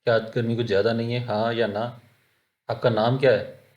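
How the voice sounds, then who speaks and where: A man with an Indian accent teaching a spoken-English lesson, explaining with examples in a steady, patient way. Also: medium pitch, a little fast, muffled recording.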